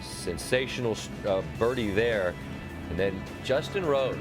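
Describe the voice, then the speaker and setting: A man's voice: fairly low pitch, expressive, a little slow. Male golf commentator over music. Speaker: golf commentator, highlights anchor. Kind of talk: golf commentator narrating tournament highlights. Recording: music bed under the voice.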